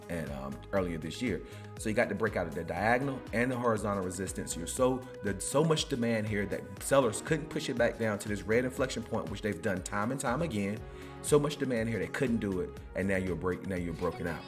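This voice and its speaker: A man hosting a finance video, walking through price charts in a casual, rambling way and asking "right?" after nearly every phrase. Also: sits low. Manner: says "right?" constantly, restarts, excited bursts.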